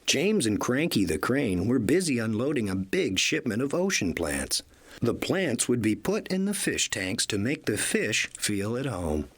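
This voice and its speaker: At a slightly slow pace, a man voices a children's storybook with animated read-along energy. His intonation swings broadly, and his mid-range pitch carries a husky edge.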